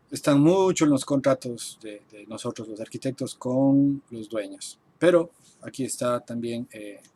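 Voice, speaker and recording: A man teaching a live online class at his computer, explaining and translating terms slowly and step by step, with typing heard behind him. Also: mid-range voice, a little mellow. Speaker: architect teaching construction English. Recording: faint noise and keyboard typing. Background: keyboard typing.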